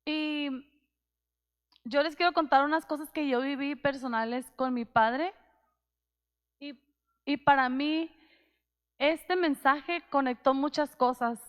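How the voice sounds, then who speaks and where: A woman pastor in her thirties preaches in a heartfelt, storytelling way, often pausing and restarting her sentences. Her voice sits high. The sound carries the long reverb of a church hall. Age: 30s. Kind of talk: sermon.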